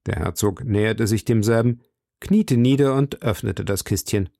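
A man narrating a classic novel as an audiobook in a measured, steady way. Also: fairly low pitch, vocal fry, no echo, clean studio sound. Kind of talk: reading a classic novel aloud.

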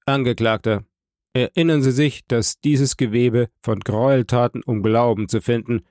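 A man's voice: mid-range voice, fairly even intonation, normal speed, a little mellow, no room sound, close to an everyday voice. Brief: male reader as stern presiding judge, formal, insistent, dry.

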